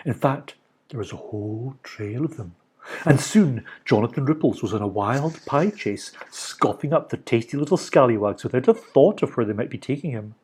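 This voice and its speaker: A man reading a children's storybook aloud for a library, animated and expressive. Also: medium pitch, normal speed, breathy edge. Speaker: library reader.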